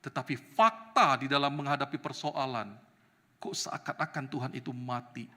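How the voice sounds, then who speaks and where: A male evangelist preaching a sermon with animated delivery that climbs to loud, emphatic peaks. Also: mid-range voice, normal speed. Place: church sanctuary. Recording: reverberant church hall.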